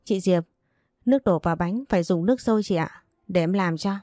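A woman's voice: fairly low pitch, a little fast, dark tone, no echo, studio quality, natural voice. A woman voicing a polite, earnest young wife who speaks deferentially.

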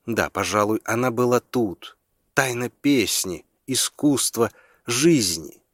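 Brief: male audiobook narrator, calm deliberate delivery, dry booth. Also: medium pitch, dry recording. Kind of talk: scripted narration.

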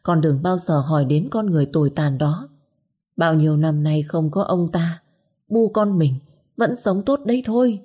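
A woman's voice: low-pitched, moderate pace, mellow, slightly rough. A woman voicing a weary middle-aged mother who comforts her daughter, in a storybook reading. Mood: bitter. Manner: comforting, turns hard when bitter. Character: weary middle-aged single mother, stern but loving.

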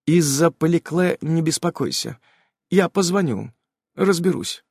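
A man's voice: on the high side, expressive, unhurried, creaky, a little mellow, husky, dry recording, studio quality, voice pushed up, full character voice. A man voicing a fretful witch mother. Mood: soothing. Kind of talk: audiobook character voice.

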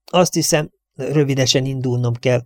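A man's voice: medium pitch, fairly even intonation, darkish tone, no echo, studio quality, voice pushed up, close to an everyday voice. A man voicing a stammering young man, resentful about a girl. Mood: flustered. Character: flustered, bitter young man.

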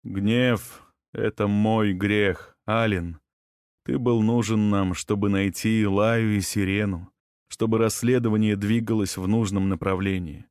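Reader doing a sad hurt guy, low and slow, dry audiobook read. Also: fairly even intonation, clean tone, dry recording. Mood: sad resolve. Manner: quiet, sorrowful, measured. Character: wounded man, sad calm confessor.

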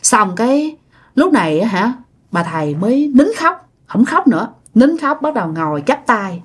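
A woman's voice: a little high, very animated, moderate pace, breathy edge. A woman with a Southern Vietnamese accent telling a ghost story in a casual, chatty way, talking straight to her listeners. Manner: chatty, addresses listeners directly.

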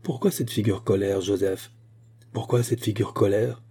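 A man's voice: fairly low pitch, fairly even intonation, normal speed, dark tone, breathy edge. A man voicing a bitter, commanding middle-aged man who speaks with mocking scorn.

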